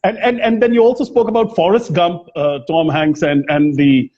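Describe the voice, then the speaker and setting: A man's voice: sits high, fairly even intonation, moderate pace, darkish tone, lo-fi sound. A male host chatting enthusiastically in a casual interview, heaping praise on his guest.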